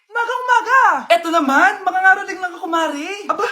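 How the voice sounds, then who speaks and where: A woman acting out all the parts in comedic skits, switching between characters and often scolding or shouting. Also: very high-pitched, animated, fairly quick. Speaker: skit creator playing all parts.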